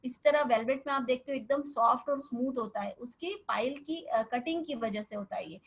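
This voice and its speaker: A woman's voice: high-pitched, normal speed, husky, low-quality recording. Woman lecturing with questions to the class. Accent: Hindi. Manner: explains step by step, often asks the class questions. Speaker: teacher. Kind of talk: classroom lecture on garment terms.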